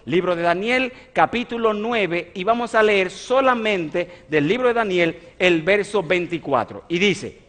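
A man's voice: sits high, bright, forceful tone. A man in his thirties preaching a sermon on a stage in a large church hall. He speaks emphatically and keeps asking his congregation questions, then answers them himself. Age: 30s. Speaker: pastor. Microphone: stage mic at a lectern, filmed by broadcast cameras.

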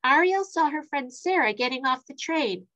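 Expressive woman reading a children's story. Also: sits high, moderate pace, low-quality recording. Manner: expressive, sound effects.

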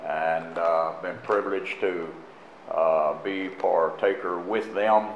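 An older man speaking as a pastor in a church, halting and full of fillers and restarts. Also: sits low, steady tone, slight background noise. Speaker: pastor introducing a guest teacher. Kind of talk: unscripted church announcements and sermon. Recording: echoey, muffled live church stream.

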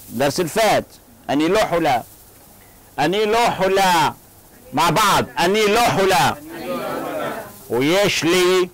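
A man with a fairly high voice leads a classroom language lesson. He drills short phrases slowly and has his students repeat them. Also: a bit bright, rough recording. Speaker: language teacher. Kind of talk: classroom lecture.

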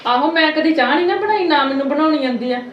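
A woman's voice: fairly high pitch, steady tone, a little fast, slight background noise, close to an everyday voice. Woman playing a sarcastic nagging mother-in-law. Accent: Punjabi. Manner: sarcastic, complaining. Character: nagging sharp-tongued mother-in-law, middle-aged. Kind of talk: amateur family sketch. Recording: lo-fi with loud music.

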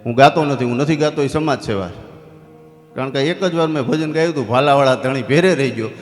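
A man with a Saurashtra Gujarati accent telling comic stories on stage before a live audience. He is animated and jumps into other people's voices. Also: medium pitch, fast. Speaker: comedian and storyteller. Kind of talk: live folk-stage comedy storytelling. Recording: live hall with long reverb and faint music.

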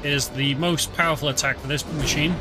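This British streamer keeps up a loose running commentary as he plays, explaining his moves with lots of fillers over the game music. His voice is on the high side, steady in tone, and brisk.

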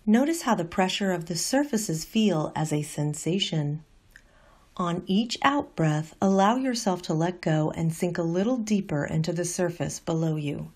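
In this guided meditation, a woman with a mellow, somewhat low voice gently and calmly reads from a script. She takes her time, guiding listeners through every step the way a teacher would.

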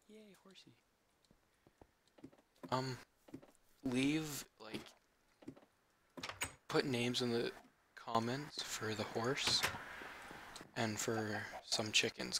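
Slow-talking chatty teen boy gamer. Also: medium pitch. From Canada. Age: teens. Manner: rambling, chatty, tired and yawning. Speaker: gaming channel host. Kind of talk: casual let's play commentary. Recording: home mic with clear background noise.

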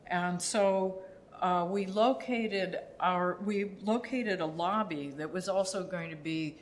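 Slow, low-voiced older woman lecturing. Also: a little hiss or hum. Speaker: architect presenting her firm's work. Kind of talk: public lecture. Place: dim lecture hall, seated at a table on stage.

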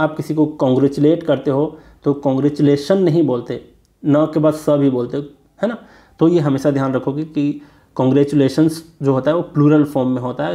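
Male grammar teacher, mellow voice. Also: mid-range voice. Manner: explains step by step, asks rhetorical checks; reads example sentences slowly. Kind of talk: exam-prep grammar lesson.

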